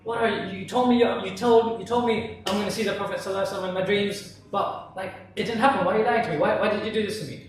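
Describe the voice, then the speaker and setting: A man's voice: high voice, racing, natural voice. A man voicing an impatient young devotee who pleads and complains, in an ordinary storytelling voice. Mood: indignant. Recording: very echoey room, voice from far off.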